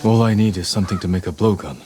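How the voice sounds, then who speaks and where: An actor voicing a grim, resolute young samurai lord who speaks in a steady, clipped, determined way, in video game dialogue. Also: male voice, sits low, quick pace, lightly acted. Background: game music.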